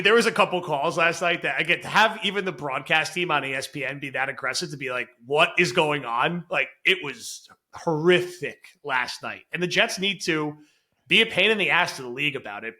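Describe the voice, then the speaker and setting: A man co-hosting a sports podcast, chatting casually and getting animated and exasperated as a fan. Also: fairly high pitch. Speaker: podcast co-host.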